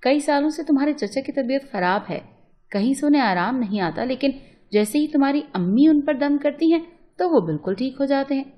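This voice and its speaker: A woman's voice: high-pitched, lively intonation, a little fast, highs cut off. A woman voicing a teasing, sarcastic young male college classmate in a storybook reading. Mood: mocking.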